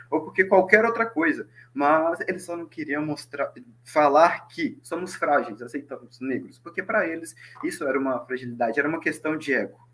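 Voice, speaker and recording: A young man gives a talk at an online academic panel. His voice sits a little high, and he speaks informally, with frequent fillers and self-corrections, as if over a computer mic. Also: a bit bright. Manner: informal, many fillers and restarts. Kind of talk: academic presentation.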